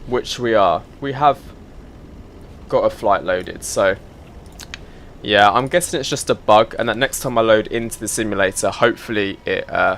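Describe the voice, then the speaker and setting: Greeting viewers by name while he sorts out his setup, a male flight sim streamer chats casually on a live stream. His voice is medium-pitched and fairly bright, with slight background noise. Mild congestion and a small cough come through.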